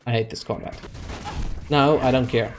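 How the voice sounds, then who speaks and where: A man's voice: medium pitch, fairly even intonation, normal speed, a little hiss or hum. A young man giving let's-play commentary, frustrated and sarcastic, talking back at the characters on screen. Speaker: gaming channel host. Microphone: desk microphone.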